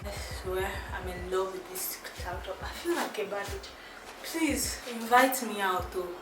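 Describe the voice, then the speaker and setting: Speaking at a measured pace and medium pitch, this young Nigerian woman, a fashion vlogger with a Nigerian accent, works through a try-on haul, giggly and casual, thinking aloud with restarts. The mic sits at a distance in an echoey room, and music plays behind her.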